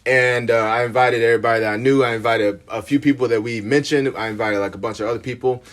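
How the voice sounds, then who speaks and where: A man's voice: mid-range voice, steady tone, a bit bright. Subdued man telling a personal story. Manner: subdued, halting storytelling with many fillers. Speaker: podcast host. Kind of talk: casual podcast conversation.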